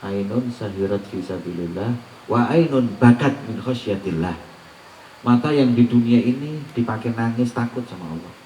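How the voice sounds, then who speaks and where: A man's voice: mid-range voice, animated, normal speed, warm tone, recorded from a distance, a little hiss or hum. Man preaching in a roomy, echoey hall. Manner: mixes Arabic recitation with colloquial teaching, asks rhetorical questions. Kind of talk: Islamic sermon. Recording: roomy echo, voice off-mic.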